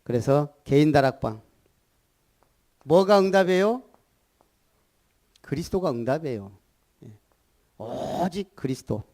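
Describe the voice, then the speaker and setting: Animated high-voiced preaching man. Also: measured pace, long pauses. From Gunsan, Jeolla, South Korea. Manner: animated preaching, calls for repetition, rhetorical questions. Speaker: pastor. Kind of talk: sermon.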